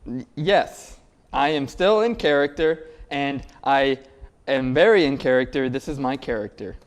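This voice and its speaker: A man's voice: mid-range voice, lively intonation, a little slow, close to an everyday voice. A man playing a pompous, indignant alien soldier in a comedy interview, stilted and condescending toward humans. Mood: stiffly formal. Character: pompous, indignant male alien soldier disdaining Earth people. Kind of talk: comedy sketch interview in character.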